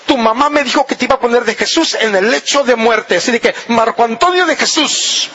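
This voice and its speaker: A preacher playing a stubborn, quibbling husband. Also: male voice, very high voice, fast, fairly bright tone, highs cut off, slight background noise. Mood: indignant.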